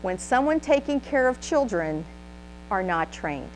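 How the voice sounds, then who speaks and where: A woman's voice: medium pitch, sing-song, measured pace, slight background noise, low-quality recording. A woman giving a motivational training talk, upbeat and emphatic, leading a live audience in call-and-response. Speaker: presenter giving a trainer workshop.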